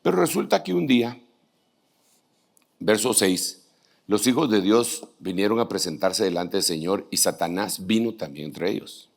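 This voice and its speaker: A man's voice: on the low side, expressive, normal speed, creaky. A man, teaching pastors in a conversational sermon, reading scripture aloud and adding joking asides.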